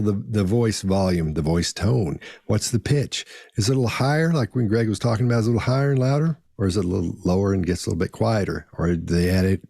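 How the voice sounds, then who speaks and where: A man moderating a casual panel discussion, talking very fast and passing questions to the other panelists. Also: fairly low pitch, gravelly, mellow, husky, no echo, studio quality. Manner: very fast talker.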